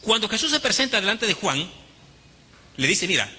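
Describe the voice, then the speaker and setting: A man's voice: high voice, sing-song, moderate pace, pushed and bright, slightly rough, in a large hall. A man with a Honduran Spanish accent preaching a sermon, teaching his congregation and calling them brothers. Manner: teaching, addresses congregation as brothers, dramatic quoted voices. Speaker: pastor.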